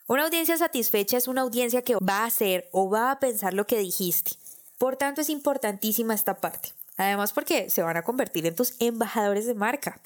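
Woman giving a measured speaking lesson. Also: a little high. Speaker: podcast host teaching public speaking. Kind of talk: scripted podcast lesson.

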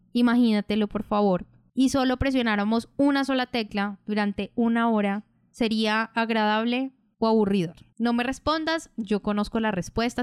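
A woman who hosts a podcast and coaches public speaking, explaining in a calm, measured way. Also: on the high side, clear, resonant tone, no echo, clean studio sound. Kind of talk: instructional podcast narration.

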